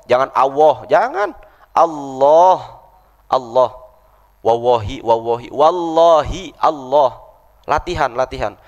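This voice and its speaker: A man giving a lively, demonstrative mosque lesson as an Islamic teacher, drawing out example phrases slowly. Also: a little high. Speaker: ustadz teaching Islamic law. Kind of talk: mosque study lesson, casual Jakarta speech. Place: large mosque hall. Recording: echoey mosque hall.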